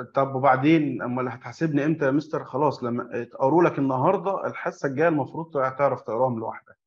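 Egyptian guy teaching english online, chatty, asks himself questions, drills words, kinda dull lo-fi call audio. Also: medium pitch. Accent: Egyptian Arabic. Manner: chatty explaining, asks and answers his own questions, drills words for repetition. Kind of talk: online class lesson.

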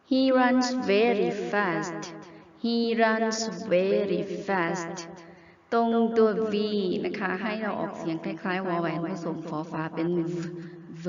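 Woman teacher, online grammar lesson, slow patient drilling, muffled lo-fi sound. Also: medium pitch. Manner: slow, patient, drills English words for students to repeat. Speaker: English teacher. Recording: muffled lo-fi audio with crowd noise behind.

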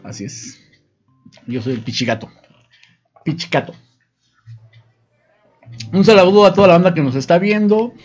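A man's voice: sits high, very animated, normal speed, long pauses, breathy edge, dull audio, faint music behind. A man with a Mexican accent co-hosting a casual gameplay video, joking and rambling in slangy banter. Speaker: gameplay co-host.

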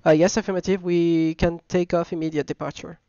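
A man's voice: fairly high pitch, flat delivery, a little fast, warm tone, clear, resonant tone, muffled recording. A man with a French accent, French his first language, making hesitant English radio calls and cockpit callouts over a pilot headset as a flight simulator pilot.

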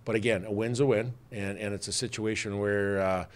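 A middle-aged head hockey coach with a lowish voice and steady tone answers reporters after a game, talking a little fast. His postgame press conference replies are plainspoken, full of fillers and restarts, delivered into a desk mic on a stand in a press room with a sponsor backdrop.

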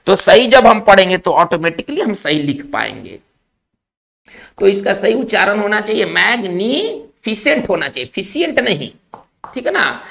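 A male teacher giving a spelling lesson, explaining slowly, repeating key words and checking in with his class. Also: sits high, vocal fry, pushed and bright.

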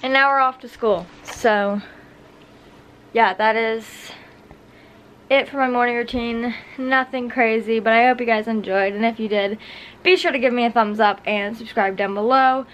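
A young adult vlogger, stuffy-nosed and full of fillers, chats casually to the camera inside her small apartment. Her voice is a little high and fairly bright, with fairly even intonation at normal speed. Slight background noise and poor audio mark the recording.

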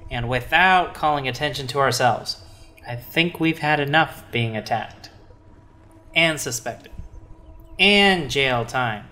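Taking it slowly, a man with a pushed, bright, mid-range voice reads lines for a grumpy, sarcastic witch from a game, keeping his delivery dry and sarcastic. Faint game music can be heard in the background.

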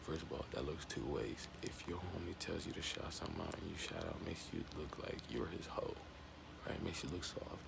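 Whispering gravelly low-voiced man. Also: fairly quick, background noise. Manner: rambling, repeats words, cusses freely. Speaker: vlogger reacting to an interview clip. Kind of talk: whispered casual commentary.

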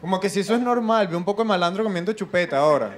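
A young man with a Venezuelan accent doing a stand-up comedy routine, animated and acting out other people's voices. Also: sits high, racing, a little hiss or hum. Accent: Venezuelan Spanish. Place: live comedy stage with audience.

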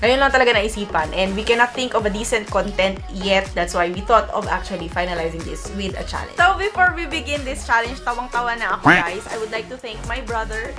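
A young woman with a Filipino accent chatting casually as a vlog host in a small room. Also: fairly high pitch. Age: young adult. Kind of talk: casual chat, mixing English and Tagalog.

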